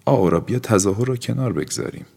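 A man's voice: lowish voice, expressive, creaky, a little mellow, breathy edge, pitched above the performer's own voice, full character voice. A man voicing an insistent young man in an audiobook, pressing with raised, urgent questions. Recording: long hall-like reverb.

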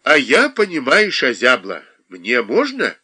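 A man reading aloud, voicing a rough older local man who speaks in broken, ungrammatical sentences. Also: medium pitch, huge pitch swings, unhurried, bright, forceful tone, exaggerated voice. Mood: coaxing. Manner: ungrammatical, pleading.

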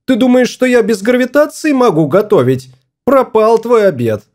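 Man putting on a shrill scolding wife. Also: big pitch swings, normal speed. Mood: angry. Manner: sharp, scolding. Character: quarrelsome young wife on a spaceship.

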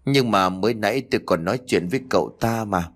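A man's voice: fairly low pitch, fast. A man voicing a frightened, guilt-ridden middle-aged father who stammers and pleads in a spoken ghost story. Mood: pleading.

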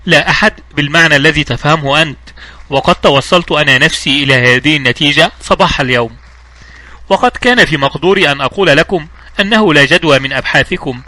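A man reads a composed old judge who lays out his reasoning in clear, measured sentences. The voice is bright and fast-moving. It sounds dry and close, with little room sound. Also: fairly high pitch, no echo. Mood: commanding. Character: calm, authoritative elderly male judge. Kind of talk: audiobook reading.

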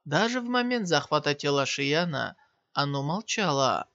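A man reading a novel aloud as an audiobook narrator, in a steady storytelling manner. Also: on the high side, normal speed, no room sound. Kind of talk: scripted narration. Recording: slightly dull, dry lo-fi sound.

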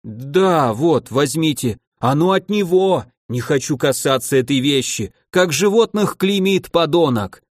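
Cowardly fat merchant, high strained wail, slow desperate pleading; man voicing. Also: animated, no echo, studio quality. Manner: wailing, pleading, hysterical. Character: frantic fat wealthy male caravan merchant.

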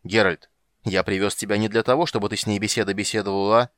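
A man's voice: lowish voice, fairly even intonation, fast talker, fairly bright tone, no room sound, clean studio sound, close to an everyday voice. A man voicing a hot-tempered, lovesick prince who barks orders. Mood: blustering. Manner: blustering, barking orders.

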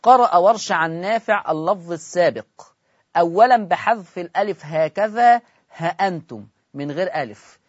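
Egyptian sheikh teaching Quran recitation. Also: male voice, high-pitched, breathy edge, no echo. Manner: asks his listeners questions and answers them himself; demonstrates recitation in slow drawn-out sounds. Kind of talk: broadcast lesson on Quran recitation. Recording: dull lo-fi broadcast audio.

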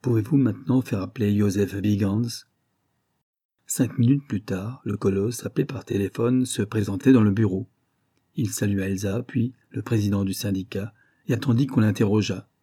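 A man narrating an audiobook with a low, dark voice and a husky grain. He tells the story in a measured, dramatic way, recorded dry and close to the microphone. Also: fairly even intonation, dry recording. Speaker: audiobook reader. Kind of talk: scripted narration.

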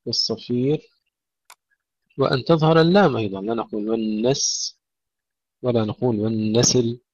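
A man teaching Quran recitation rules in a tajweed lesson, deliberately repeating words to model the correct pronunciation. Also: mid-range voice, a little mellow, husky, no room sound, dull audio.

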